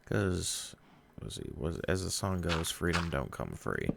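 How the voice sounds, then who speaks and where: A man with a very deep, gravelly voice rambles through a casual gaming chat, pausing and stumbling over his words. His pitch swings up and down in a lively way. A clear hiss of noise sits under a home recording. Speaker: gaming vlogger. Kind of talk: rambling chat while playing a game.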